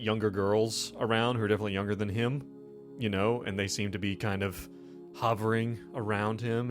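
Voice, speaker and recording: With a fairly low voice, a man acts as game master for a tabletop game, improvising his narration in a loose, halting, conversational manner.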